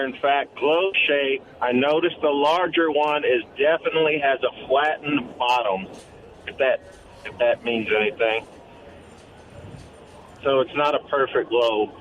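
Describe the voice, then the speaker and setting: A man calling into a radio show on a hands-free car speakerphone while driving, rambling through detailed questions and correcting himself as he goes. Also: fairly high pitch. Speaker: caller. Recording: muffled car speakerphone line. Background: faint car noise.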